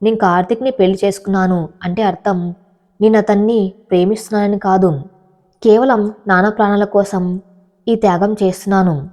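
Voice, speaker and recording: A woman's voice: medium pitch, fairly even intonation, moderate pace, a little mellow, lightly acted. A woman voicing a heartbroken young bride in a storybook reading, speaking in a pleading, tearful way.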